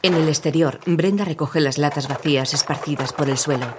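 A narrator reading scripted audio description in an even, neutral voice. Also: mid-range voice, fairly quick, slight background noise.

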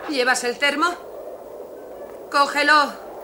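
A woman's voice: high-pitched, fairly even intonation, slow, background noise. A voice actress playing a fed-up café owner who scolds her husband in a dubbed film. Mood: scolding. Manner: shouting, scolding, bossy. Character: fed-up, furious woman running a roadside café.

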